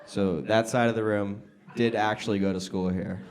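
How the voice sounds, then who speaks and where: An American male stand-up comedian works the crowd from a comedy club stage. He speaks conversationally and straight to the audience, using pauses to set up jokes and leaning on his punchlines. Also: on the low side, steady tone, noisy background. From Las Vegas, United States. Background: audience laughter.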